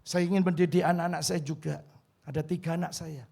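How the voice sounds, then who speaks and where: A man in his fifties preaching a sermon in a church hall, his voice pitched high with a husky, gravelly rasp. He pleads with the congregation, dropping to a hush and then surging loud. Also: little pitch movement, fast. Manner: emotional, pleading, swings from quiet to loud. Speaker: pastor.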